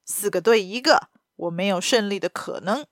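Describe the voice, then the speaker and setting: A woman reads out a suave gentleman thief who mocks his rival in a quick, confident voice. The lines come through a dry, close recording with little room sound, and his voice sits only a little off from the reader's own. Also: on the high side, very animated, no room sound. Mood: mocking. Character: mocking, suave gentleman thief, adult man.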